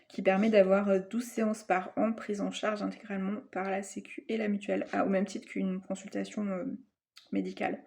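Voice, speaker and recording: Gravelly woman reading oracle cards. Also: mid-range voice, darkish tone. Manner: hesitant, many fillers and self-corrections; reads card texts aloud between comments. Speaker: card reader. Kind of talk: casual oracle card reading.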